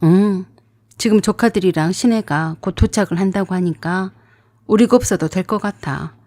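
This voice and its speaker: A woman's voice: mid-range voice, normal speed, dark tone, dry recording, studio quality, natural voice. A woman voicing a young husband who firmly defends his pregnant wife to his mother. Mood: gentle. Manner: firm, pleading.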